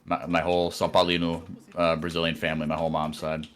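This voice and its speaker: A man's voice: low-pitched, monotone, fast, fairly bright tone. A man casting an esports stream, chatting casually and rambling with plenty of fillers and restarts. He grew up with Portuguese at home. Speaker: esports caster. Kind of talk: casual live-stream commentary chat.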